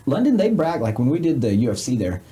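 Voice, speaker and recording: A man's voice: medium pitch, big pitch swings, fast, mellow. A man hosting a podcast, chatting casually and cracking jokes. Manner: joking, wisecracking. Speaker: podcast host. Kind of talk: casual chat.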